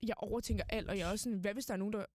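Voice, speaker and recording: A young woman speaking as a podcast guest, recounting events in a loose, rambling way with lots of fillers and quoted inner thoughts. Her voice sits at an ordinary middle pitch. The sound is dry and close, with no room echo. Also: fairly even intonation, a little mellow. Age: young adult. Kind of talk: casual storytelling interview.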